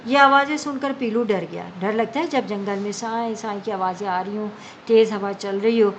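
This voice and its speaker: A woman teacher reads a story to young pupils, explaining each line in simple words. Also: medium pitch. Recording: dull lo-fi recording with faint background hum.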